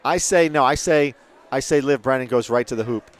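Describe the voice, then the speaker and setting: A man doing play-by-play for a local school basketball game from a press box, chatty and quick to correct himself. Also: medium pitch. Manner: chatty, rambling asides, self-corrections. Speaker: play-by-play commentator. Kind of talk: local sports commentary.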